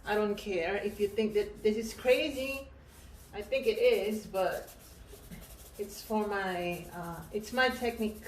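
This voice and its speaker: Woman, painting tutor, casual and halting, slow delivery, echoey room. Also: mid-range voice, slight background noise. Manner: relaxed, halting, thinking aloud while painting. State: breathing heavily. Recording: echoey room with faint ambience.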